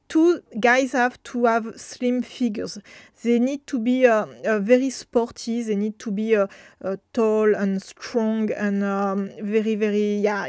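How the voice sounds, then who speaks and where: A woman with a strong French accent, a native French speaker, hosting an educational talk on historical fashion, talking in a halting way with many fillers and repeated words. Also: on the high side, a little mellow, dry recording. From France. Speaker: host.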